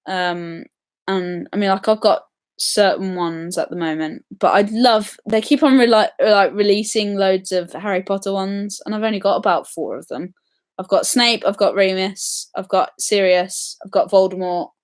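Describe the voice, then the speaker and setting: A woman hosting a casual live stream, chatty and excitable, answering viewer comments with lots of ums. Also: medium pitch, moderate pace. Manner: chatty and excitable, many ums, reacts to comments as they come.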